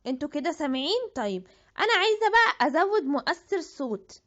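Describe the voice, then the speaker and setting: Dull lo-fi audio captures a woman's high, sing-song, fairly bright voice as she races through a chatty app tutorial recorded on screen. She has an Egyptian Arabic accent and thinks aloud, restarting her words.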